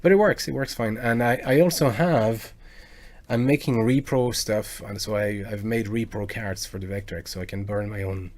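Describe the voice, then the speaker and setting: Low-voiced Frenchman chatting on a stream. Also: moderate pace. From France. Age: 40s. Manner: chatty, rambling, with frequent bursts of excitement. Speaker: live stream host and game music cover artist. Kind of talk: casual live-stream chat, answering viewers.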